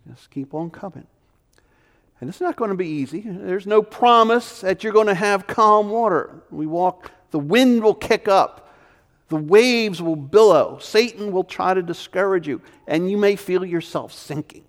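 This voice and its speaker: A man preaching a sermon as pastor, emphatic, swinging between loud urgent lines and hushed ones. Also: high voice, a little slow, big-room sound.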